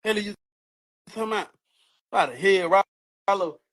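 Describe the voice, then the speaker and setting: Man with a high voice, furious and venting, profane and repetitive, loud then low. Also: moderate pace. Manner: heated, profane, repetitive, jumps between shouting and muttering. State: angry. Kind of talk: angry rant.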